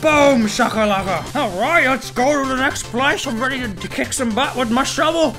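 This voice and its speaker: Someone doing a shrill excitable walrus gamer. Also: normal speed, music in the background. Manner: yelps and shrieks at the game, playful. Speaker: gaming video host. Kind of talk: let's play commentary.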